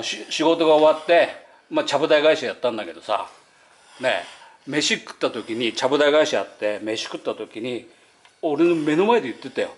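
A man chatting casually in a repair workshop, telling stories and acting out quoted phone calls, laughing often. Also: mid-range voice. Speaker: wheel repair shop worker.

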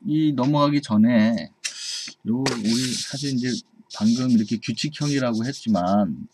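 A man's voice: medium pitch, measured pace, noisy background. Patient man teaching English grammar. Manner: patient, repetitive, checks in with "그죠?" and "예". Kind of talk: explanatory classroom lecture. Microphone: camera mic at a desk.

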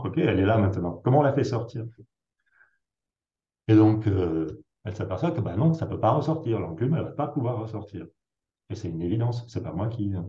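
A man with a low, very dark voice talks through clinical cases as an interview guest. He explains step by step and pauses often to search for words, while his pitch moves expressively. The recording sounds roomy and a little dull, like a lo-fi room capture. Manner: explains with worked examples, frequent hesitations. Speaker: psychiatrist guest.

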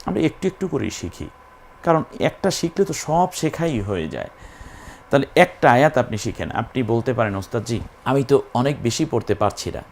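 A man's voice: medium pitch, animated, creaky, a little hiss or hum. Patient guy teaching recitation, drags out each syllable to show how, bangladeshi bengali accent. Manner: patient, slow drawn-out syllables when demonstrating. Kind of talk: step-by-step recitation lesson.

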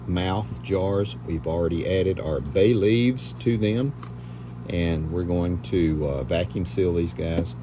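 Slow, deep-voiced man vlogging from his pantry. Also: background noise. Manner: rambling, self-correcting, folksy. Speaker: homestead vlogger. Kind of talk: casual chat. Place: large basement pantry with storage shelves. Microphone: phone camera held at arm's length.

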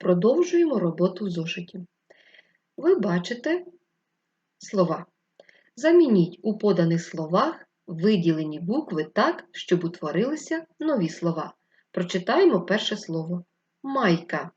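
Woman, primary teacher, remote lesson, low-ish lively voice, unhurried, muffled recording. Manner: patient, drawn-out instructive speech with questions to pupils. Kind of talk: slow, clear remote literacy lesson for children.

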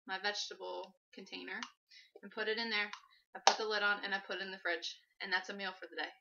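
In her home kitchen, a twentysomething fitness vlogger moves about while casually demonstrating something for a how-to vlog, her manner chatty and practical. She speaks with medium pitch and a sharp tone, picked up by a camera mic across the room in dull lo-fi audio.

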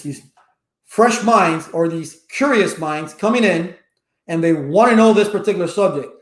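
Here's a high-pitched man in an echoey room: a Cuban-born network engineering educator in his fifties who grew up speaking Spanish. Talking casually to his livestream audience via a desk webcam, he's animated, gestures often and asks rhetorical questions.

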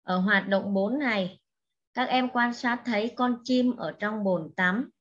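Woman teacher, very slow, patient, repeats words for kids, dull lo-fi sound. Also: medium pitch. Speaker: primary school English teacher. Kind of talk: slow classroom instruction for young children.

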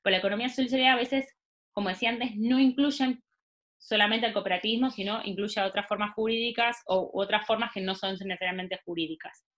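Here an Argentine woman in her thirties guides a workshop online, her voice coming through a laptop mic on the video call. It's medium in pitch and fairly bright, with a quick pace, and she thinks out loud, restarting often and leaning on fillers.

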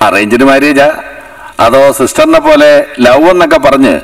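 A man's voice: mid-range voice, wildly swooping pitch, normal speed, creaky. An actor playing a blunt, gossipy older lawyer, a proud father in his sixties, in dubbed film dialogue. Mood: chatty, teasing. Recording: distant mic, film music behind.

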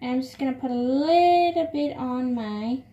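A woman's voice: sits high, moderate pace, dark tone, highs cut off. A young woman chatting casually and hesitantly through a tutorial, repeating herself as she narrates what she is doing. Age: young adult. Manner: hesitant, repetitive self-narration while doing a task. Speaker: beauty vlogger. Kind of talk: casual makeup tutorial chat. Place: small room at home, indoors. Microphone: phone propped at arm's length. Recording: faint background noise, home phone recording.

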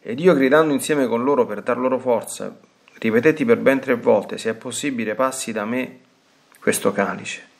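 A man reading aloud the words of Jesus, gentle and consoling, with calm pauses. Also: mid-range voice, creaky, pitched above the performer's own voice. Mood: tender. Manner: calm, tender reassurance, read with pauses.

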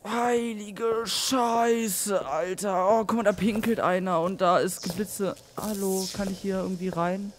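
A man commenting on a horror game as he plays. He is scared and tense, talks to himself and repeats phrases nervously, and swings between loud outbursts and near-whispers. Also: sits high, steady tone, moderate pace, hardly any pauses, noisy background. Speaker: let's play gamer.

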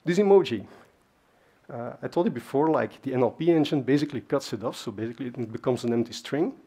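This conference speaker, a native Dutch speaker, keeps his technical talk casual and conversational, full of fillers and asides, from a large dark stage. He talks at a quick pace in a mid-range voice with a dark tone and a breathy edge.

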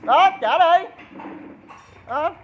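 A woman's voice: extremely high pitch, lively intonation, very slow. A woman with a Southern Vietnamese accent, hurling accusations and repeated challenges in a heated argument, recorded on a phone. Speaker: creditor confronting a debtor. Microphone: phone camera. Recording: dull phone audio with faint noise.

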